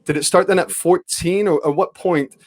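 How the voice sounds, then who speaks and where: A man's voice: high-pitched, moderate pace. A man hosting a casual podcast interview, asking long winding questions full of restarts. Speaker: podcast host and club announcer.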